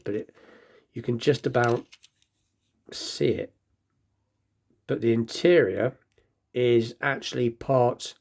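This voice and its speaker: A man hosting a casual collector's show-and-tell, rambling and understated, lisping slightly as if he has just bitten his tongue. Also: medium pitch. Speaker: host of a diecast toy collecting show.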